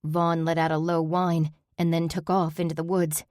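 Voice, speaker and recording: Low-voiced woman reading an audiobook. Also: level tone, normal speed, darkish tone, no room sound, studio quality. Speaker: audiobook narrator. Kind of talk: first-person audiobook narration.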